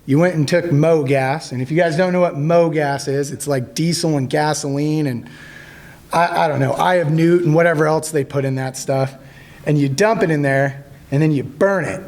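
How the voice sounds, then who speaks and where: A man in his thirties, an army veteran, telling stories casually to a group, joking and halting with many fillers. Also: a little high. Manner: jokey, animated when acting out quotes.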